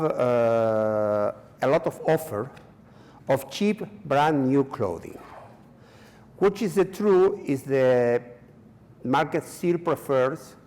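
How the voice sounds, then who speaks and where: A man from Chile delivers a conference talk in hesitant non-native English, repeating himself and leaning on fillers. His voice is medium in pitch with a darkish tone, echoing with the long reverb of the hall.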